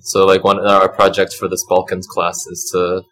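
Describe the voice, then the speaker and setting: A man's voice: sits low, monotone, moderate pace, pushed and bright. A young man hosting a podcast, chatting casually in a rambling, laid-back way. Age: young adult. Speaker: podcast host, student.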